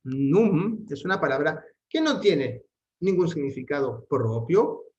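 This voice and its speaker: A man's voice: a little high, sing-song, dull audio. Man teaching a patient Latin lesson. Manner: explains patiently, reads Latin sentences aloud slowly. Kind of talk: online language lesson.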